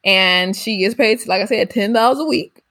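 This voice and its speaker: A woman's voice: medium pitch, normal speed, fairly bright tone. A woman co-hosting a casual parenting podcast, who laughs often while she talks. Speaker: co-host.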